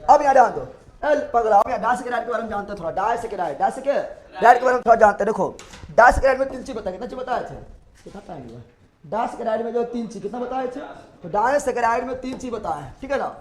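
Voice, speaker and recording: A very high male voice with lively intonation and reverb belongs to a teacher giving a classroom lecture broadcast live online. He drills the students with call-and-response, asking questions in quick repetition while teasing and joking.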